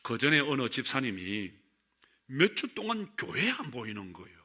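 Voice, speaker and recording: Male pastor, Sunday sermon; bright, sharp tone, very lively pitch, emphatic with sudden hushed drops. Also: normal speed, husky. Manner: emphatic, swings between loud and hushed.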